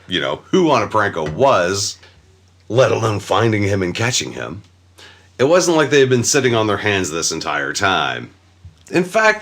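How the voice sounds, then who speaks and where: A man co-hosting a casual true-crime podcast, narrating the case with frequent swearing and dark laughs. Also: mid-range voice. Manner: swears freely, laughs, mock-voices the killer.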